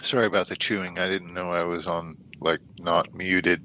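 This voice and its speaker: Low-voiced man hosting a casual chat. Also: little pitch movement, normal speed, pushed and bright, a little hiss or hum. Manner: joking, loose and profane. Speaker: host.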